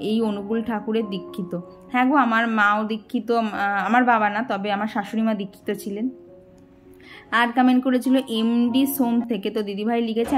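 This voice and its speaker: A young woman, chatting casually to her viewers in a vlog voice-over. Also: fairly high pitch. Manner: chatty, addresses viewers warmly as "dear". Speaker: vlogger.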